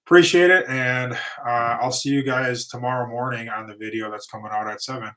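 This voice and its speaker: With poor audio quality, a middle-aged man answers viewer questions on his livestream in a medium-pitched, steady voice that's a little fast and slightly bright. He owns a lawn and concrete business and speaks easygoingly, wandering off with fillers and restarts while his voice tires out.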